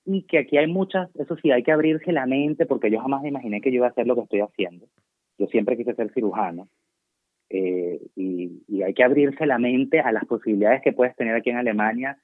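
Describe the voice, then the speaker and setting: This is a man from Venezuela, a doctor working abroad, appearing as an interview guest and speaking with a Venezuelan Spanish accent. His medium-pitched delivery is brisk, and his casual talk is rambling and self-deprecating. The recording has no room sound and the thin, dry quality of a phone line.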